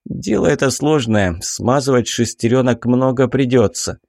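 Narrator doing a timid cop, mumbly and careful, kinda nervous. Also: male voice, medium pitch, normal speed, creaky, darkish tone, no echo, clean studio sound, natural voice. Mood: pleading. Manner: hesitant, placating, mumbling. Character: cautious middle-aged male investigator, timid. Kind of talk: audiobook character voicing.

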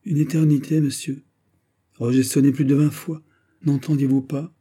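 A man voicing an anxious, devoted noble marquise who speaks in a hushed, pleading way. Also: mid-range voice, moderate pace, slightly rough, natural voice. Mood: earnest.

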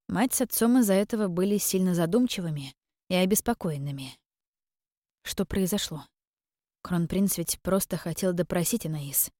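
A woman reads a first-person story aloud in a measured, expressive audiobook voice, pitched on the low side for a woman. The recording is close and dry, with no room sound. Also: no room sound. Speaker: audiobook narrator.

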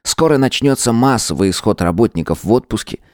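A man voicing a furious shouting boss. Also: medium pitch, lively intonation, fairly quick, no echo, studio quality, voice pushed up, close to an everyday voice. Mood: angry commanding. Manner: shouting, scolding, commanding. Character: hot-tempered male boss, commanding and scolding. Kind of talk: audiobook character voice.

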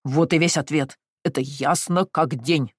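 A reader voicing a stout, furious old uncle who growls and wheezes his words out slowly in an audiobook. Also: mid-range voice, fairly even intonation, slightly rough, dry recording, studio quality. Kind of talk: audiobook reading.

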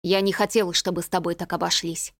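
A woman's voice: fairly low pitch, flat delivery, brisk, dry recording, studio quality. A woman reading the part of a commanding young king in an audiobook. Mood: remorseful. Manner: sharp, commanding.

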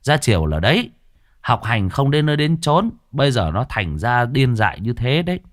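A man's voice: medium pitch, very animated, moderate pace, no room sound, clean studio sound. A man telling a ghost story, dramatic and vivid with earthy humor.

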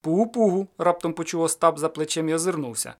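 Man narrating a folk tale, fairly high voice. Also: a little fast. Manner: steady storytelling, lowers voice after quotes. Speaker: audiobook narrator. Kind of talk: scripted narration of a folk adventure.

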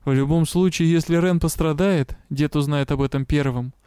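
A caring witch speaks in a brisk, fussing way, sharp-tongued yet gentle with the girl, as a male narrator puts her on. The voice is lifted and clear. It sounds dry and close to the mic. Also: a little high, fairly even intonation, no echo, lightly acted. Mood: motherly. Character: caring middle-aged witch, sharp-tongued but motherly.

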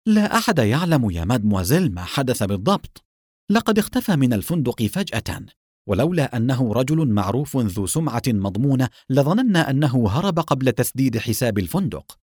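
A polite, easily flustered male hotel clerk from an audiobook, voiced by a man reading. He sounds apologetic, with a lively pitch and dry close sound. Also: a little fast, dry recording.

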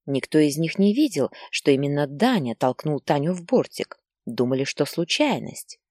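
A woman narrating a story in an expressive, dramatic reading style. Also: low voice, normal speed, no echo, clean studio sound.

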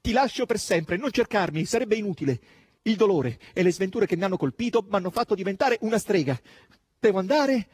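Male reader doing a high, husky, exclaiming young witch woman for a storybook. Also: lively intonation, fairly quick, a little mellow, no room sound, studio quality. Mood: farewell. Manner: exclaiming, exultant.

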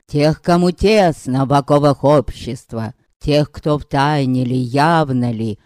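A man voicing a pompous male orator who declaims slowly and grandly in a storybook reading. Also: a little high, darkish tone, dry recording, studio quality, voice pushed down. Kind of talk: audiobook character voice.

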